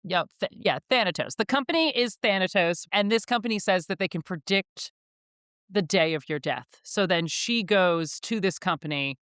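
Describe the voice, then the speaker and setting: A woman's voice: lowish voice, moderate pace, no room sound, studio quality. Chatty young woman co-hosting a podcast. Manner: animated, lots of "like" fillers. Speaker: podcast co-host. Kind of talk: casual book chat.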